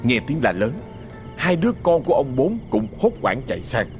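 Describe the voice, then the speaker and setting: A man's voice: medium pitch, very animated, normal speed, a little mellow, soft background music. A man narrating a ghost story with a Southern Vietnamese accent, in a dramatic, suspenseful manner.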